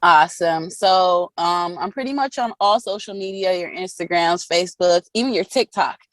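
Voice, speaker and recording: A woman massage therapist speaking as an interview guest, chatting casually and telling stories with lively quoted asides. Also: lowish voice, normal speed, no echo. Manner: animated storytelling, acting out quotes; laughs often while talking.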